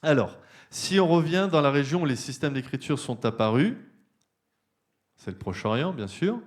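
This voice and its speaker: A man giving a university-style public lecture in a hall, explaining patiently. He fills pauses with little hesitations and turns to the audience with direct questions. His voice sits at an ordinary middle pitch. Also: lively intonation. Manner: explanatory, many fillers like euh and hein, addresses audience directly.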